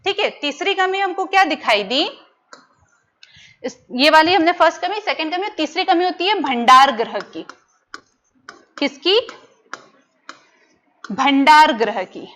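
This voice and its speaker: A young woman with a high voice teaches an exam-prep class. She keeps asking her listeners questions and answering them herself, repeating each key term slowly so it sticks. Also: animated, a bit bright.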